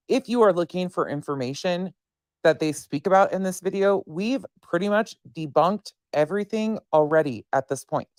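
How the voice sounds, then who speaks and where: A woman's voice: lowish voice, no room sound. A woman speaking through a voice changer that disguises her voice, giving blunt, exasperated reaction commentary as an online creator.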